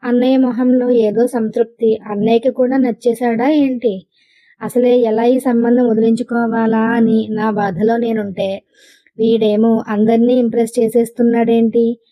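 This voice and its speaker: A woman narrating a first-person story in a lively, expressive way. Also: a little high, moderate pace, dull audio. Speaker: audio novel narrator.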